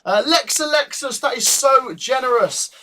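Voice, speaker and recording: A man's voice: extremely high pitch, animated, moderate pace, slight background noise. A man, hosting a casual football watch-along stream, chatting and reading viewer comments aloud. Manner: chatty, reads viewer comments aloud, thanks donors warmly. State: out of breath. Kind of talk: casual live-stream chat.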